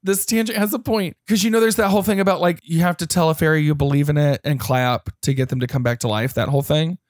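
A man co-hosting a casual podcast chat, joking and animated, full of quick asides. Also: a little high, no echo, studio quality. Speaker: podcast co-host.

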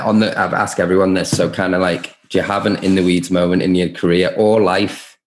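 A man hosting an interview, asking loose, rambling questions in a relaxed, casual way. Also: low-pitched. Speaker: podcast interviewer. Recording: roomy echo.

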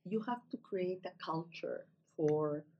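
A woman with a Latin American Spanish accent talks in a discussion. Her voice is husky and slightly rough. As a native Spanish speaker, she uses halting, non-native English and often searches for the right word. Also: lowish voice, dull audio. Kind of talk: spoken discussion.

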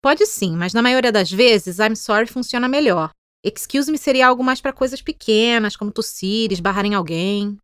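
Brazilian woman teaching english on a podcast, bouncy voice that swings up and down, kinda high, dry close mic. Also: animated, moderate pace, fairly bright tone, clean tone, no echo. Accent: Brazilian Portuguese. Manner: friendly explaining, playful teasing. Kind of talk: scripted educational podcast dialogue.

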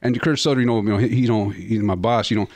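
A man's voice: fairly low pitch, racing, darkish tone, dry recording. A man in his fifties, an actor talking casually in an interview, full of laid-back slang and "you know". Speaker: actor guest.

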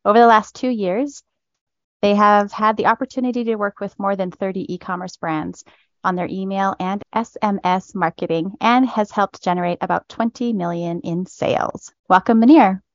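A woman's voice: mid-range voice, fairly even intonation, normal speed, dry recording. A woman hosts an interview show, reading her guest's introduction and then asking questions. Her voice is close and dry with no room sound. The audio is slightly muffled. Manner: reads a prepared intro, laughs easily. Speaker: podcast host. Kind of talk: interview hosting.

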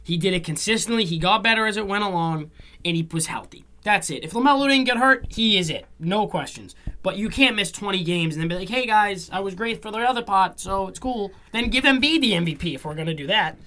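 A man's voice: sits high, quick pace. A young man co-hosting a casual sports podcast, talking emphatically with slangy asides. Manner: animated, emphatic slang, "bro". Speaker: podcast co-host.

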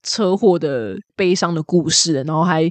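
A woman's voice: sits low, moderate pace, no room sound. A young adult woman host, chatting casually with gossipy, emphatic asides.

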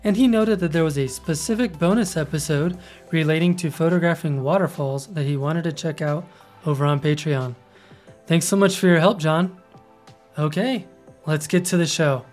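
A man's voice: a little high, a little mellow. A man hosting a photography podcast, talking casually with lots of fillers and restarts. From Colorado. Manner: chatty, many fillers and restarts. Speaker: podcast host. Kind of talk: casual interview.

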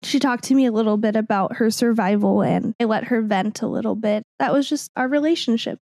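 A woman's voice: fairly high pitch, a little fast, darkish tone, no echo. A young woman speaking candidly and emotionally about her grief, at times on the edge of tears. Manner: emotional, candid, swears when angry. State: tearful. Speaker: guest. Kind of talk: personal testimony.

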